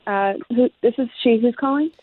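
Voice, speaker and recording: A woman's voice: fairly high pitch, a little fast, no room sound. A woman talking to a radio show over the phone, guarded and blunt. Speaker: person called on air. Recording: tinny phone line, dry.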